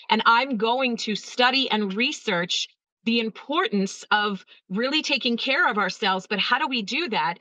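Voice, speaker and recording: A middle-aged American woman, a guest on a podcast interview, speaking in an expressive, emotional, animated way about her work coaching teachers. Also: mid-range voice, no room sound, highs cut off.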